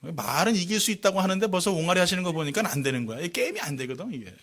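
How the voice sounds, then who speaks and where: Bright, high-voiced pastor preaching. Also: male voice, very fast. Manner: lively, jokey preaching that calls out to the congregation. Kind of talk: sermon. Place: church sanctuary.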